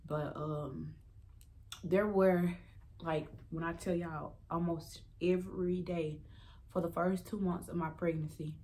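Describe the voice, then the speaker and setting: A woman's voice: lowish voice, fairly even intonation, takes it slowly, warm tone, a little hiss or hum. A young woman, talking candidly to her viewers in a personal vlog update, rambling with fillers and restarts and calling them y'all. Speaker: vlogger.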